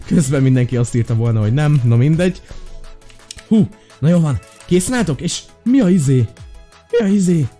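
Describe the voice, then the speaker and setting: A man hosting a gaming channel, giving excitable commentary, talking to his viewers and squealing with delight. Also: a little high, long pauses, faint music behind. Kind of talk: let's play commentary.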